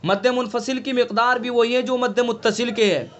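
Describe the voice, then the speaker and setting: A man's very high-pitched, steady voice, a little fast and fairly bright, comes through lo-fi audio from an online class call. With a Delhi Urdu accent, he teaches Quran recitation, patiently explaining, quizzing students, and stretching out sounds as demonstrations.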